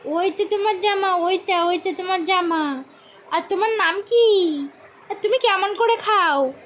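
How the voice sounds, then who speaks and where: A woman with a West Bengal Bengali accent, coaxing a small child at home in drawn-out, sing-song baby talk. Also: very high-pitched, fairly bright tone, slight background noise. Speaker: village vlogger. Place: home indoors during heavy rain.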